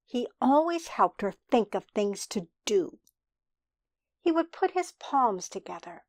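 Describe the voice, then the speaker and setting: A woman reading a picture book aloud for a children's sermon, slowly and expressively. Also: a little high, no echo, clean studio sound. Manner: slow, expressive storybook reading.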